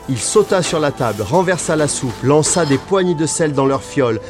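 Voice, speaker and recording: A man narrating a children's storybook in a lively read-aloud style. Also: fairly high pitch. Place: recording studio. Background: background music.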